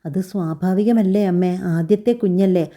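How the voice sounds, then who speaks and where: A worried young husband in a spoken family story, read by a woman. He reasons calmly with both sides. The voice is very dark and mellow. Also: lowish voice, moderate pace, close to an everyday voice. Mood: reasoning. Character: young husband, worried, caught between wife and mother.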